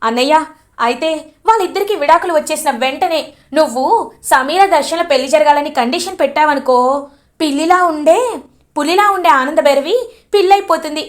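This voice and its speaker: A woman's voice: high voice, brisk, pauses often, close to an everyday voice. A woman doing a gleeful scheming young woman. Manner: gleeful, boastful.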